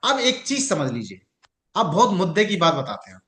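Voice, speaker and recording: A man's voice: high voice, huge pitch swings, moderate pace, a bit bright, echoey room. A man teaching a class on mind techniques, explaining through examples and questions he puts to his listeners.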